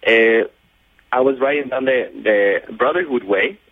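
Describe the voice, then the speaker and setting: A man calling a radio show for advice, answering questions haltingly and in short phrases. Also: medium pitch, dry recording. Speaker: radio show caller seeking legal advice. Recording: tinny narrowband phone line.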